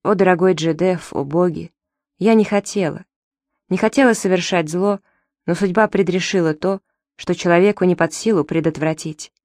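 A woman's voice: lowish voice, normal speed, darkish tone, no echo, natural voice. A woman reading the part of an aging, guilt-ridden servant woman who speaks in a mournful, fatalistic way. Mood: despairing.

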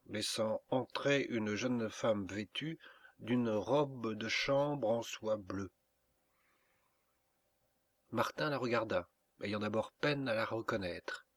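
Homme lisant un conte, très posé. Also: male voice, mid-range voice, husky, no room sound. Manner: measured, unhurried. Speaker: audiobook reader. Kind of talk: scripted narration.

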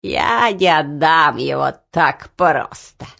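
A woman voicing a scheming, ruthless male chief minister who talks in a low, menacing voice that shakes with rage. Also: animated, slow, gravelly, fairly bright tone, exaggerated voice. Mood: defiant. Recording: dull lo-fi audiobook recording.

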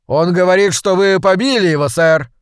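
A man's voice: high-pitched, normal speed, clean tone, dry recording, studio quality, voice pushed up, natural voice. A man voicing a weary, polite police constable who speaks formally.

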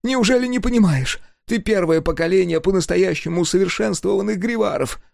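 A man voicing a manic, fanatical little male engineer in a shrill, frantic voice. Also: a little fast, vocal fry, a little mellow, no echo, clean studio sound.

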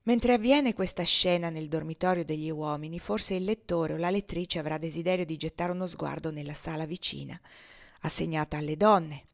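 A woman narrating a classic novel as an audiobook reader, with a measured, expressive delivery. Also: sits low, creaky.

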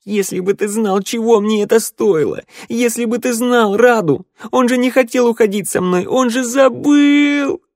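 A man's voice: very animated, measured pace, darkish tone, breathy edge, dry recording, studio quality, exaggerated voice. A man voicing a distraught, tearful young woman who screams and sobs in an audiobook. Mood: anguished shouting. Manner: sobbing, shrill, screaming.

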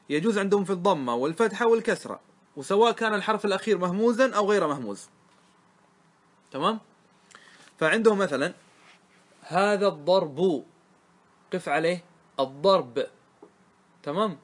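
Higher-voiced man teaching grammar. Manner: asks students quick check questions; chants verses slowly. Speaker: sheikh teaching Arabic grammar. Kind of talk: classroom lecture explaining verse.

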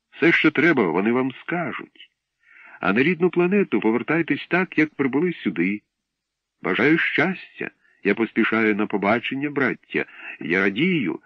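Male narrator as a cheerful, lovestruck alien man. Lifted pitch, buoyant. Dull, dry audiobook sound. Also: dry recording. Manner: elated, warm greetings. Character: joyful alien man, friendly, in love.

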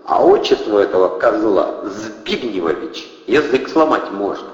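A man voicing a brash, crude, excitable gangster who bursts out in loud slangy outbursts. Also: on the low side, moderate pace. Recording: echoey reverberant dull lo-fi.

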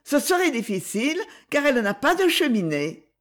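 A woman voicing a timid, polite young woman who is a poor relative, speaking softly and hesitantly in a storybook reading. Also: high voice, big pitch swings, normal speed, voice pushed up. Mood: shy polite.

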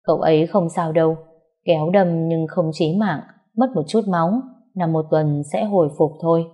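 A woman reading a story aloud and voicing a doctor who speaks in a calm, reassuring way. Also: deep voice, normal speed. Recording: dull lo-fi recording.

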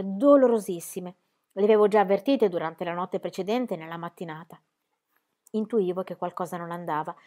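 A woman reading a historical novel aloud as a first-person audiobook narration, soft and measured. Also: lowish voice.

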